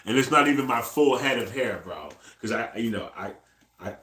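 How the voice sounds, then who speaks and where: A man's voice: medium pitch, animated, normal speed, pushed and bright, a little hiss or hum. A man in his forties, chatting casually on a live stream, talking in loose slang, ending nearly every phrase with "bro" and repeating himself to his viewers. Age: 40s. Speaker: livestreamer. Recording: echoey room.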